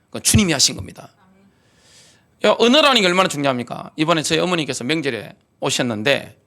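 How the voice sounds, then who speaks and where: Lively high-voiced Gyeongsang-accented preacher. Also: male voice, vocal fry. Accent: Gyeongsang Korean. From Gyeongsang region, South Korea. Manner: emphatic preaching with rhetorical questions. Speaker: pastor. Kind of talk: sermon.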